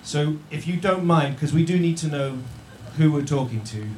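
Jokey halting man hosting live. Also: on the high side, a little mellow. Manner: jokey, halting, with many restarts and fillers. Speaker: host of a live show. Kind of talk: live stage hosting to an audience. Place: yurt venue with a live audience. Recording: roomy tent echo, faint noise.

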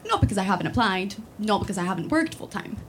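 Her voice is mid-range, fairly bright, and lively, and she speaks fast with slight background noise. The speaker, a Swedish woman in her 20s, restarts often and leans on fillers, then moves into a spoken word poem of repeated refrains.

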